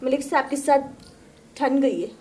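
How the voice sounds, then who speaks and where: ऊँची आवाज़ वाली पाकिस्तानी गाँव की व्लॉगर औरत. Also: female voice, sits high, measured pace, noisy background. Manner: chatty, keeps asking "right?"; animated, re-enacts arguments. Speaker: village vlogger. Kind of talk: casual vlog chat to viewers. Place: outdoors at a village house courtyard.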